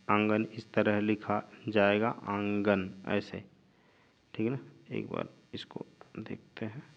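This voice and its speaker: A male teacher giving a spelling lesson, drawing out each word slowly and answering his own questions. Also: fairly low pitch. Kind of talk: spelling lesson while writing on a board. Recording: dull lo-fi recording with mains hum.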